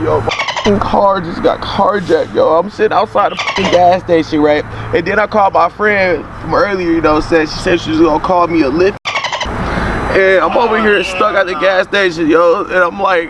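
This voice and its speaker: An American man talking casually in a slangy, exasperated way, with swear words muted out. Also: high-pitched. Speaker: prank victim. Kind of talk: casual heated talk in a street prank vlog. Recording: distant mic, loud traffic noise.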